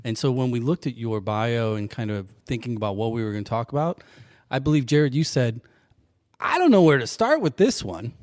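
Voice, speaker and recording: A man hosting a podcast in casual chat, joking and halting with fillers and restarts. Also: medium pitch, animated, a little mellow, dry recording, clean studio sound. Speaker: podcast host.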